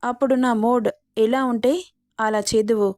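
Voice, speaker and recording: Woman reading a cocky bossy young man, mocking tone, fast comebacks, fairly high voice, dry close sound. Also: steady tone, darkish tone, no echo, close to an everyday voice. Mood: mocking, arrogant. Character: arrogant domineering male boss, young adult. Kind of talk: storybook romance reading.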